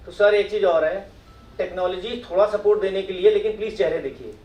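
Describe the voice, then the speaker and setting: Man, very high voice, middle-aged, speaking to an audience, echoey hall from far off. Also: fairly quick, a little mellow. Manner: asks the audience questions and acts out their replies. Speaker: speaker at a professional meet. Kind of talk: motivational talk to an audience.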